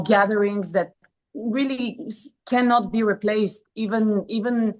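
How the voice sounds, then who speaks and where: Woman from bulgaria chatting as a guest, lots of ums and restarts, mid pitch. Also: rough recording. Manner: hesitant, many fillers and restarts. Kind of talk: casual interview talk.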